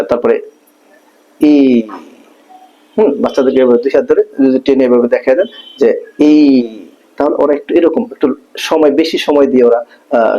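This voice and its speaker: Mellow-voiced male teacher. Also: medium pitch, poor audio. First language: Bengali. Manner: hesitant, many filler sounds, slow drawn-out demonstration of letter sounds. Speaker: English teacher. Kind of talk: spoken phonics lesson.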